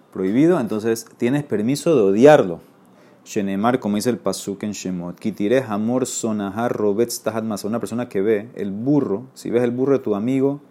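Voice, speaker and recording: A man's voice: medium pitch, mellow. A man teaching a Talmud class, reading Aramaic and explaining it in Spanish, often checking with his listeners. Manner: reads Aramaic then explains in Spanish, asks "¿ok?".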